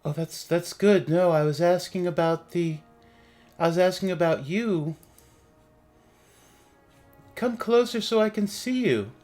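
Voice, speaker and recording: A man voicing a gentle, friendly female ghost in a tabletop game, with an unearthly, hesitant way of speaking. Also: high-pitched, measured pace, long pauses, faint music behind, voice pushed up. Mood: concerned, inviting. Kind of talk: tabletop game role-play.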